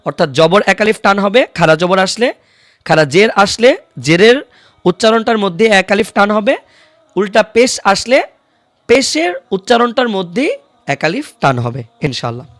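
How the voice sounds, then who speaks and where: A man teaching Quran reading in an online lesson, patiently spelling out each syllable and repeating it slowly so learners can follow. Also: high voice, very animated, a bit bright, no room sound.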